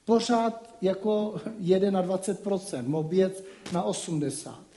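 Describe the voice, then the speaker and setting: A man's voice: high-pitched, animated, mellow. A man giving a casual spoken lecture, talking colloquially with frequent rhetorical asides. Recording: roomy echo.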